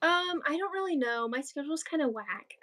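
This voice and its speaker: High-voiced chatty teen girl. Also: expressive, fairly quick, bright, forceful tone. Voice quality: chatty, rambling with many likes and ums. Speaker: co-host of a crochet livestream. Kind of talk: casual livestream chat.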